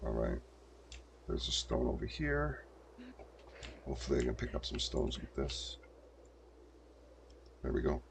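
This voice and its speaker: This gameplay streamer is an older man with a very deep, creaky voice whose pitch swoops wildly. He talks in an unhurried way and pauses often, muttering to himself into a desk mic as he plays and comments casually, with noise in the background.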